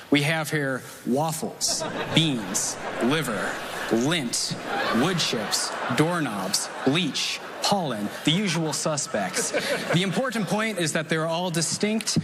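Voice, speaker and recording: A man in his twenties performing a scripted comedy magic routine on stage, with a dry, deadpan delivery and formal, precise wording. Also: a little high, slow. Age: 20s. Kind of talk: scripted stand-up magic routine to a live audience. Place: theater stage before an audience. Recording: noisy live theater recording.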